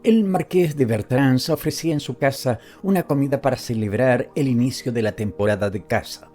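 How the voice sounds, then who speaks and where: A man narrating a classic short story in a measured, expressive reading. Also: mid-range voice, soft background music. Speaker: audiobook narrator.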